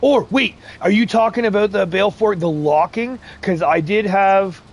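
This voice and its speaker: A high-pitched man speaks at a moderate pace while hosting a casual farming game livestream. He chats, laughs frequently, and reads the chat aloud, and he is of English, Irish, Scottish, Ukrainian and Romanian heritage.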